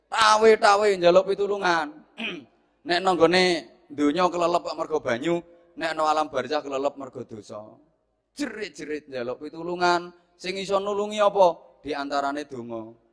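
A middle-aged man with a Javanese accent giving a humorous sermon, telling stories lively and acting out the people in them. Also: a little high. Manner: lively storytelling, acts out scenes and mimics people. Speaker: preacher.

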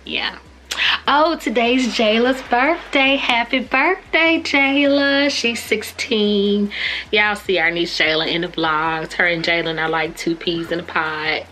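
A woman in her thirties chatting casually to her phone camera at arm's length in a bedroom, relaxed and a little sleepy as she rambles. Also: mid-range voice, takes it slowly, slight background noise, rough recording. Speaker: family vlogger. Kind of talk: casual vlog chat. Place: bedroom at home.

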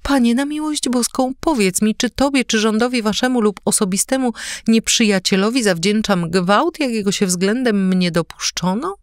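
A woman voicing a proud and cunning noble lady who speaks haughtily and pleads in a high, lively voice. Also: normal speed, no room sound, clean studio sound. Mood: sweetly pleading. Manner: haughty, pleading then threatening.

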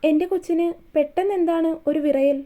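A woman's voice: very high-pitched, steady tone, a little fast, dark tone. A woman voicing a playful, affectionate young husband who likes to tease. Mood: teasing. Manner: playful teasing.

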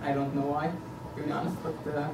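Raised in Egypt and in his thirties, a board candidate earnestly presents his campaign from a podium in an indoor meeting room, hesitating and filling pauses with "uh." His somewhat high voice is recorded from a distance by a far camera, so echo and a steady hiss come through clearly.

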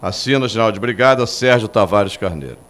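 An older man reads a formal statement aloud in a measured, solemn way at a podium microphone in an indoor hall. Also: lowish voice, fairly bright tone. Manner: measured, solemn official reading.

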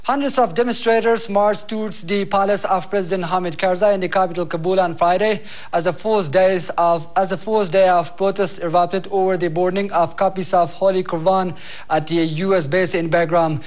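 A man's voice: high voice, steady tone, normal speed. A young man with an Afghan accent reading scripted news as an anchor, on a lapel mic in a TV studio. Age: young adult.

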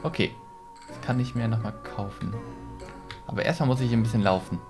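With a mid-range voice moving fairly quickly, this young gaming YouTuber hosts a casual let's play, chatting and reasoning aloud through a headset mic. Game music plays as he sits in his small, decorated indoor gaming room.

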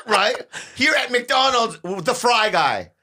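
A man's voice: very high-pitched, sharp tone. A man co-hosting a comedy podcast, riffing goofy bits in casual banter with frequent laughter. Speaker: podcast co-host.

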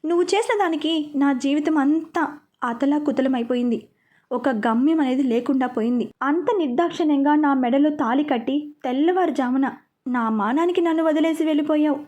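Storybook young woman, weak yet defiant, high mellow voice, read by a woman. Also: moderate pace, natural voice. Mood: bitter. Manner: weak but steady, resentful.

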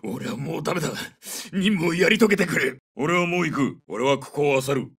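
A man's voice: on the high side, animated, a little fast, fairly bright tone, slightly rough, distant mic, full character voice. A man voicing a terse, battle-hardened special forces captain who calls out short, urgent tactical lines in a military shooter game. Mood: low, steady. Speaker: soldier calling out combat voicelines.

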